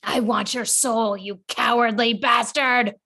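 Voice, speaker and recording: A woman doing a slow demonic possessed voice. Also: fairly high pitch, steady tone, bright, forceful tone, exaggerated voice. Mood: taunting. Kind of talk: comedic audio play acting.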